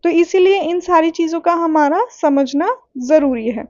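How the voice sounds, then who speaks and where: A woman teaching literary terms in a patient, explaining way, repeating checks like "okay" and reading definitions slowly. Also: extremely high pitch, darkish tone, no room sound, muffled recording. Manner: patient, repeats points with "ठीक है" and "okay"; reads English definitions slowly. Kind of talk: explaining lesson in Hindi-English mix.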